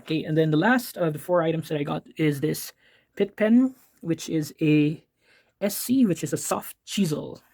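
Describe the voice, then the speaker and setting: A Filipino man from the Philippines chats casually in an art supplies vlog, his voice slightly high, creaky, and darkish at a normal speed. He rambles, leans heavily on ums, corrects himself, and drops apologetic asides.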